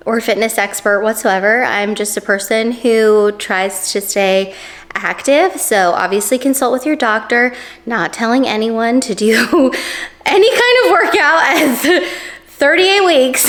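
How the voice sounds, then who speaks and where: A woman vlogging in a casual, chatty way, laughing often and filling her talk with "like". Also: fairly high pitch. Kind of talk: casual vlog chat.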